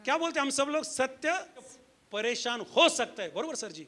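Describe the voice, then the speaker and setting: A man's voice: very high-pitched, sing-song, normal speed, sharp tone. A male pastor preaching a sermon to a church congregation, leading call-and-response and firing rhetorical questions with emphasis.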